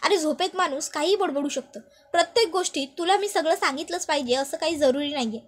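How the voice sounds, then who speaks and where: A woman's voice: high voice, natural voice. Woman doing a defensive young wife with a secret. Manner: defensive, quick to snap back.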